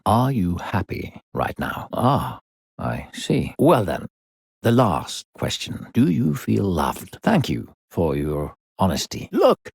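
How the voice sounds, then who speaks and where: A man playing an unseen, sinister narrator spirit in a video game, guiding a child with coaxing, falsely polite condescension in a gravelly, husky voice. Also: low-pitched, no echo, clean studio sound, exaggerated voice. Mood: falsely kind. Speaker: game narrator and guide character. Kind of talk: theatrical video game character acting.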